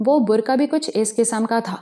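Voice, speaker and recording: A woman narrating a suspense novel as an audiobook, in steady, measured storytelling. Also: fairly high pitch. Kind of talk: novel reading.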